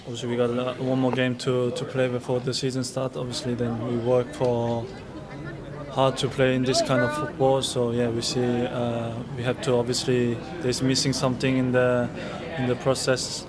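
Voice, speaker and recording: A man whose first language is Korean, giving a halting press interview in a stilted way, leaning on "obviously". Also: medium pitch, monotone, a loud crowd. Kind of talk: post-match press interview.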